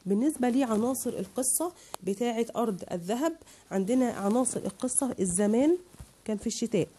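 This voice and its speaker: An Egyptian woman teaches a lesson, patiently breaking words into syllables for her pupils. Her voice is mellow and warm. A faint hiss sits behind her. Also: a little high, expressive, fast. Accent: Egyptian Arabic. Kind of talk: online lesson.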